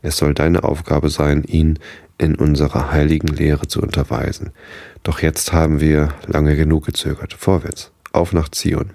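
A man's voice: rumbling low, little pitch movement, moderate pace, gravelly, warm tone. A man voicing a grave male caravan leader of about thirty in a bedtime story reading, solemn and commanding.

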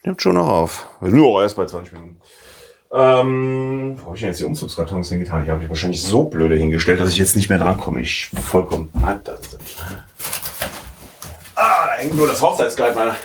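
A man's voice: low voice, expressive, brisk, crowd noise. A man chatting casually while playing a game, rambling, muttering to himself and swearing now and then. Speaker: let's play commentator. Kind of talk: casual gameplay commentary. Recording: roomy, distant mic, noisy background.

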